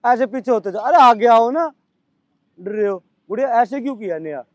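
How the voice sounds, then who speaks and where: A male coach with a Delhi Hindi accent calling brisk commands and scolding his trainees at practice. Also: very high-pitched, lively intonation, no echo.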